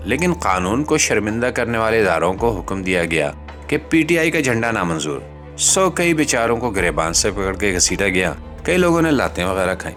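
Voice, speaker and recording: A Pakistani host and commentator delivers scripted satirical political commentary with a sardonic, rhetorical edge. His voice sits on the low side with a fairly bright tone.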